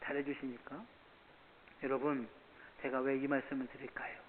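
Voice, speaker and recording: Impassioned preacher in a reverberant church. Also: male voice, medium pitch, little pitch movement, moderate pace. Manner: impassioned, swings from shouting to hushed asides; storytelling, acts out dialogue. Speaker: pastor. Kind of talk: sermon. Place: church sanctuary. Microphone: church CCTV camera audio. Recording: tinny distant CCTV audio with long reverb and hiss.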